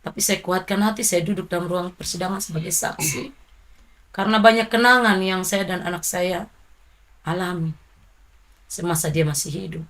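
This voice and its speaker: A middle-aged woman, softly and reflectively telling an interviewer about her late son. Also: on the low side, fairly even intonation, moderate pace, pauses often. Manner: soft, grieving, reflective storytelling. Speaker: interviewee, mother of a fallen soldier. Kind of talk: emotional interview recollection.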